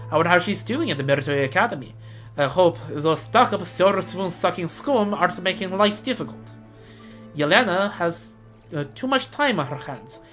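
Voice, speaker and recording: A grumbling, weary soldier writing a diary in a game, acted out by a player. The Russian accent is theatrical, with rolled R's. Music plays clearly behind the voice. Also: medium pitch, a bit bright, lightly acted. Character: weary, grumbling military camp diarist reading aloud. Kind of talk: theatrical diary read-aloud.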